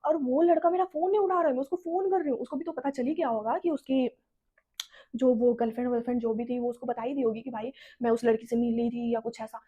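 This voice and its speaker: A woman's voice: on the high side, steady tone, quick pace, dark tone, slightly rough, lo-fi sound. A young woman telling a storytime vlog in a chatty, dramatic way, talking straight to her viewers.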